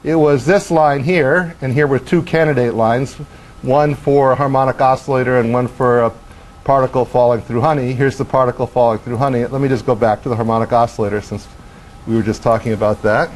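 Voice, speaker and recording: This middle-aged professor speaks a little fast and at a medium pitch while lecturing in a university hall. Acting out movements, he lobs wry questions to his students with plenty of animation.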